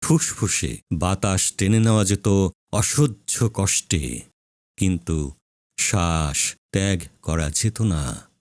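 Slow, solemn male preacher, dry close mic. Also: low voice, lively intonation, a little mellow, dry recording. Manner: slow, solemn, emphatic with drawn-out pauses. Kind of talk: dramatic sermon narration.

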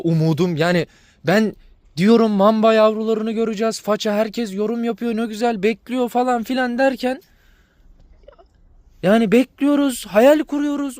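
A man with a fairly high voice vents in an exasperated, repetitive way as he talks casually to his viewers. The sound is dry and close, with no room echo. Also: a little mellow. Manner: exasperated ranting, repeats himself. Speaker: dog breeder vlogger. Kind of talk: casual vlog talk to viewers.

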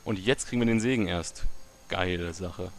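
A man with a fairly low voice talks through his gameplay in a loose, chatty way. He mutters to himself and sometimes bursts out loudly. There is a faint hiss under the recording. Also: normal speed. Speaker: let's play gamer. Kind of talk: casual gameplay commentary.

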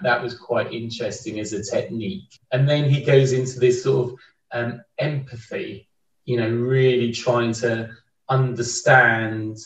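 A man's voice: mid-range voice, a bit bright. A man as a podcast guest, talking through a book in a thoughtful, casual way with frequent restarts. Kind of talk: casual conversational book discussion. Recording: roomy, distant, dull remote mic.

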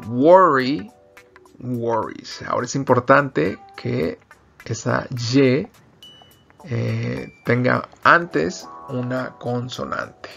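A man's voice: medium pitch, extremely slow, vocal fry, bright, forceful tone, faint music behind. A man teaching an English lesson in Spanish, explaining grammar patiently and repeating example sentences in both languages.

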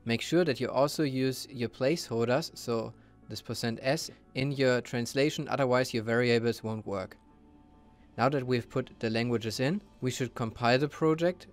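A man with a mid-range voice narrates a software tutorial over a screen recording. He explains each step in a steady, methodical way, and faint music sits quietly beneath him. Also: mid-range voice, normal speed.

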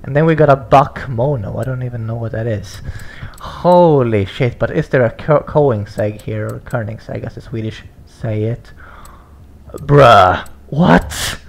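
A young man hosting a racing game let's-play, excitable and stammering, laughing and swearing as he reacts. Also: mid-range voice, a little slow, gravelly. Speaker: gaming channel host.

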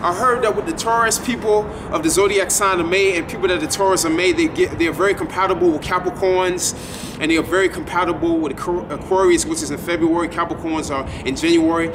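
Young guy vlogging outside at night, kinda high voice, rambly, mic far off with street noise. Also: steady tone, fast. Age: 20s. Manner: rambling, repetitive, laid-back. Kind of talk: casual vlog to camera. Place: outdoors at night in front of a building. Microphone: camera a few feet away.

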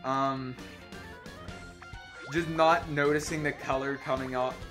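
A man's voice: medium pitch, steady tone, takes it slowly. A young man giving casual, informal, rambling gameplay commentary as the host of a let's play. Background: game music.

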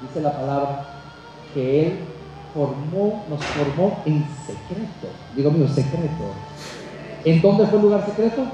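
A man preaching a sermon. He swings between shouted climaxes and low, quiet passages and puts rhetorical questions to his congregation. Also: animated, measured pace. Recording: very echoey church hall with music behind.

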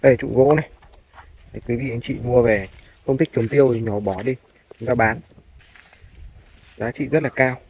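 A real estate agent with a medium-pitched, slightly mellow voice talks at normal speed with long pauses as he tours farmland on foot, politely addressing viewers. He records outdoors on a handheld phone, and the rough audio has clearly audible background noise.

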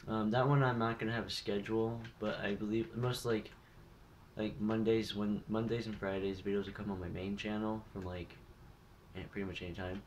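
Profane, excitable young gamer man, noisy mix. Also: fairly low pitch, normal speed, dull audio. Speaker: gaming YouTuber. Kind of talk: gameplay commentary.

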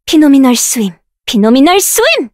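A bold young rift researcher. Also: female voice, high voice, sing-song, normal speed, no room sound, clean studio sound. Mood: battle shouts. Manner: bold, self-assured, commanding skill shouts. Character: proud, confident young woman researcher of dark rift powers. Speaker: voice actress for a game character. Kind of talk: game voice lines, battle shouts.

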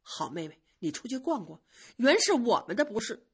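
A senior maidservant who keeps the peace with coaxing words, as a woman storyteller puts her on. Her voice is higher than usual and lively in its rise and fall, with a husky grain. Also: moderate pace, exaggerated voice. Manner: coaxing, soothing, then reproachful. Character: senior maidservant, gentle but proud, peacemaker. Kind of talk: traditional storytelling.

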